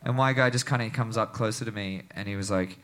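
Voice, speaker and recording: A man's voice: on the low side, quick pace, a bit bright. A man, a guest musician telling a long story on stage at a live comedy show and acting out the other people's lines. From Australia.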